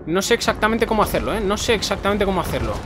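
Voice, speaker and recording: High-voiced Spanish gamer, swearing excitedly. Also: male voice, racing, background noise. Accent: Spanish from Spain. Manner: swearing, chanting urgent repeated commands, loud outbursts. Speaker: gaming streamer. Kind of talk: live gameplay commentary. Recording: loud game music behind.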